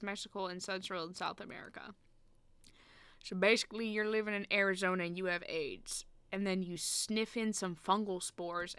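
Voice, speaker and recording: A woman's voice: mid-range voice, fairly bright tone, clear, resonant tone, no room sound. A young woman presenting a casual study video, joking at herself as she stumbles over hard medical words.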